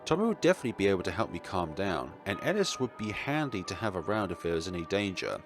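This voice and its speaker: A deep-voiced man talks fast over music while hosting a let's play, reading a visual novel aloud expressively and adding his own casual commentary. He acts out the dialogue, chuckles, and stumbles over words.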